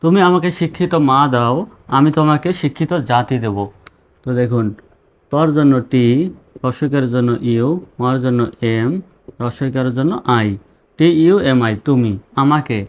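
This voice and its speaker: A man teaching an online spelling lesson, slowly spelling words out letter by letter in a patient way. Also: medium pitch. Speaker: English teacher.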